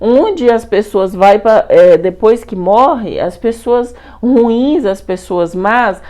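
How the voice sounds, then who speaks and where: A middle-aged Brazilian woman telling a personal story to her viewers in a lively, colloquial, repetitive way. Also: mid-range voice, slow. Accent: Brazilian Portuguese. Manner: animated, repetitive, colloquial retelling. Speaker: spiritual channel host.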